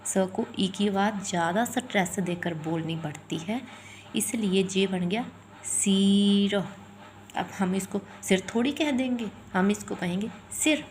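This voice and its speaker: Woman doing a slow hindi lesson, spells words out sound by sound, bit of faint hiss behind. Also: mid-range voice, darkish tone. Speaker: Hindi teacher. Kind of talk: explaining letters and vowel signs.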